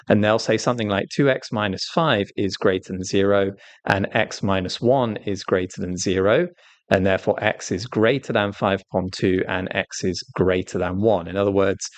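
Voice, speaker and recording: A man tutoring exam math, walking through each step patiently and checking understanding with a quick "right?". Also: lowish voice, dry recording. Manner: patient, explains step by step while drawing; stresses key points with "right?". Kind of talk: exam walkthrough lesson.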